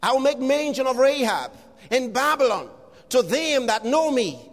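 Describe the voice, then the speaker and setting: A man preaching a fervent sermon, reading scripture aloud, calling out to the congregation and shouting refrains, at times slipping into speaking in tongues. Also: very high voice, very animated, moderate pace. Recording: long hall reverb.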